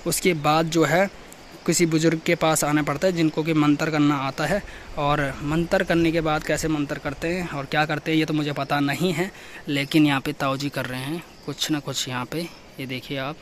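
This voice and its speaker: A man's voice: fairly high pitch, little pitch movement, moderate pace, a little hiss or hum. A young man from Uttarakhand narrating a walking vlog through his hill village, recorded outdoors on a handheld camera, greeting neighbours as he goes. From Uttarakhand, India. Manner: chatty, greets villagers warmly with loud calls. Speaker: vlogger.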